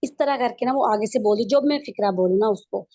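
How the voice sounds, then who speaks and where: A woman's voice: a little high, quick pace, dark tone, no room sound. A mother asking for parenting advice, speaking hesitantly and explaining her concerns through examples. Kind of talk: questions in an advice session.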